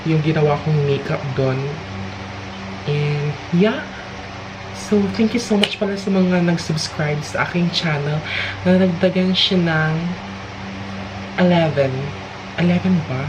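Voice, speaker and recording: Low-voiced woman vlogger over fan noise. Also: takes it slowly. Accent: Filipino. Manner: informal, chatty, code-switching. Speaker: beauty vlogger. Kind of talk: casual makeup tutorial chat. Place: small hot bedroom. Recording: steady electric fan noise. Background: electric fan running nearby.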